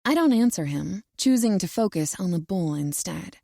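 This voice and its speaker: A woman narrating a first-person romance audiobook in an even, unhurried storytelling manner. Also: fairly low pitch, vocal fry, dry recording, clean studio sound.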